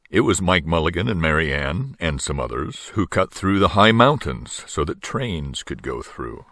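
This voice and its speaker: A man's voice: low voice, no echo, clean studio sound. An older man reading a children's story aloud as a narrator. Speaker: storybook reader.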